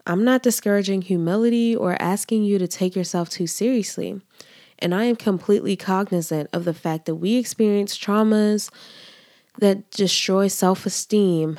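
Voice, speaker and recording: A woman hosting a solo podcast with a congested, stuffy-nosed voice, speaking in an earnest, measured, scripted way. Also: mid-range voice, a little mellow, no room sound, studio quality. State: congested from allergies, trouble breathing. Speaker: podcast host.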